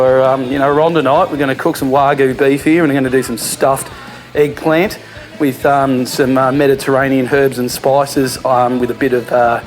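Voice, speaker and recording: An Australian man hosts a comic cooking show from his home kitchen, talking in a relaxed, slangy way with lots of fillers. His voice sits at an ordinary middle pitch. Faint music and the clatter of dishes play behind him. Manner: laid-back and slangy, with many fillers.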